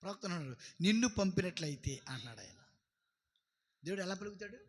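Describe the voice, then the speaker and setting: A man with a Telugu accent preaching a church sermon as pastor. He asks the congregation questions and builds to loud, emphatic peaks. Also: high-pitched, lively intonation, brisk. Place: church service.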